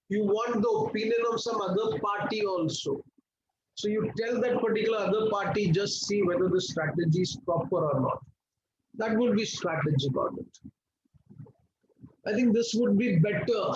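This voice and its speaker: A man's voice: high voice, muffled recording, noisy background. A man with an Indian accent teaching an online class, coaxing students to pay attention and asking questions he answers himself. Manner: coaxing, checks attention, asks and answers own questions, drops into Hindi. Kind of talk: live online class lecture, explaining to students.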